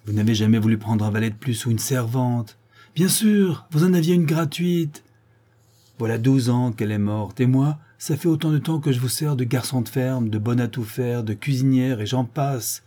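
A man's voice: mid-range voice, moderate pace, dark tone, lightly acted. A man voicing a bitter, furious grown daughter of a farmer in a read-aloud story, ranting and insulting.

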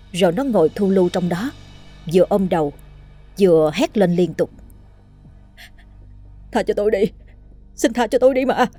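A woman reads a horror story in a steady, measured voice. Her tone is husky and dark and sits a little low, with faint music playing underneath. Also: dry recording. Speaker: narrator. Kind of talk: scripted horror story narration.

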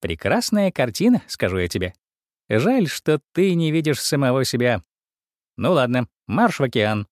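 A man voicing a bossy, chatty big female mouse in a storybook reading, with a squeaky voice. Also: sing-song, normal speed, no room sound, clean studio sound, natural voice. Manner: bossy, fussy.

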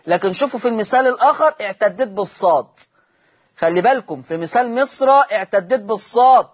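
Husky Egyptian man teaching recitation rules. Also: high voice. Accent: Egyptian Arabic. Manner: patient, repeats rules and quizzes listeners. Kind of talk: televised recitation lesson.

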